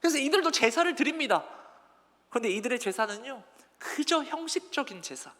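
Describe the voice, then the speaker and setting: A man's voice: very high-pitched, brisk. A male pastor preaching at a Friday prayer service, acting out quoted exchanges and putting questions to his congregation. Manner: animated, acts out quoted dialogue between God and the people; talks to the congregation directly, asks them questions. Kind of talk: sermon. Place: church sanctuary. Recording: reverberant church hall.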